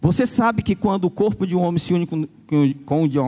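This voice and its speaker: A man's voice: sits high, a little fast, warm tone. A Brazilian pastor preaching a sermon, telling stories and acting out the people he quotes. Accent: Brazilian Portuguese. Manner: storytelling preacher, acts out quoted voices.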